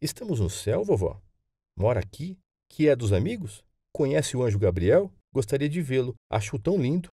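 A man's voice: medium pitch, sing-song, moderate pace, mellow, husky, no room sound, studio quality, voice pushed up. A man voicing a young boy who asks questions eagerly in an audiobook. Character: young boy, frightened then trusting. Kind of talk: audiobook character voice.

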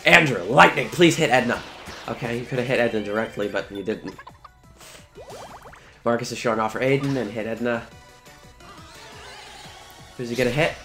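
A man's voice: medium pitch, steady tone, normal speed, long pauses. A man giving casual, sweary video game commentary, talking to the characters as he plays. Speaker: let's play host. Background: game music.

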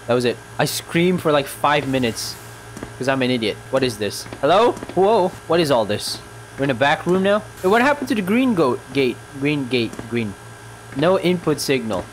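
A man's voice: mid-range voice, big pitch swings, moderate pace, a little hiss or hum. A man streaming a game live, chatting and mocking himself, with sudden screams and laughs. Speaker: gaming streamer. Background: game music.

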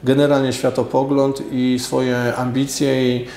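A man in his forties, a sports official answering radio interview questions in a measured, hesitant way with many fillers, in an office studio on a lapel mic. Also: medium pitch, completely flat delivery, creaky, warm tone. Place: office studio with glass table. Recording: roomy echo.

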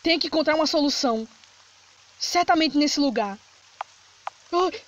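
A woman with a Brazilian Portuguese accent doing Let's Play commentary, chatty, reading game text aloud and reacting with quick jumps of fright. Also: high voice. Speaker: gaming streamer. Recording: slightly dull lo-fi sound with game music.

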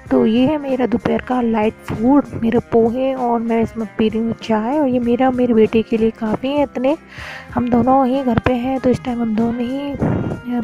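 Young woman vlogging from her kitchen, talks you through every step, kinda high voice, soft music under it. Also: fairly even intonation, moderate pace, muffled recording. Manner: chatty, narrates her chores step by step. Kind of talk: casual home vlog. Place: home kitchen.

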